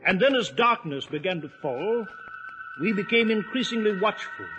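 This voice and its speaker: An actor playing a loyal, earnest British gentleman doctor and storyteller in a 1940s radio drama. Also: high voice, lively intonation, normal speed, over music. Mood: earnest storytelling. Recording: reverberant, dull old radio recording.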